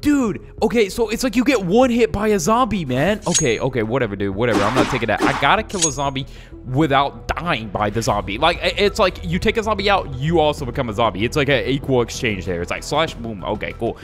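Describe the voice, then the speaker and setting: Fairly quick and lively in intonation, this young man's mid-range voice carries casual, slang-heavy gameplay commentary as he hosts a gaming video. He jokes around, says "guys" and "dude" to viewers, and music sits behind him.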